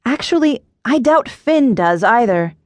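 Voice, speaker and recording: A woman voicing a kind, earnest young woman who runs a pie shop and speaks softly. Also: fairly high pitch, animated, a little slow, no room sound. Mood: gentle.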